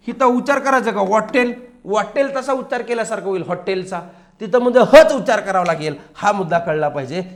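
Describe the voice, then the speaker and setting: High, lively male grammar teacher. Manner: lively, asks and answers his own questions; slows right down to read English example sentences. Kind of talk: classroom-style grammar lesson.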